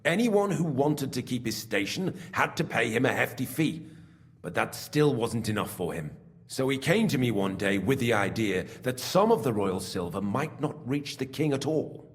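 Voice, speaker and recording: A man's voice: normal speed, natural voice. A man playing a smug, scheming smelting master. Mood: confessing. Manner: smug and evasive, lively pitch. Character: scheming middle-aged male smelting works master, sly. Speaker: game character. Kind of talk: video game voice acting.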